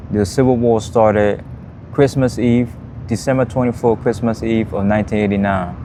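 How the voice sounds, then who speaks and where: A man in his thirties from Liberia, speaking with a Liberian accent, telling his life story as an interview guest in a plain, steady way. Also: on the low side, normal speed, slight background noise. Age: 30s.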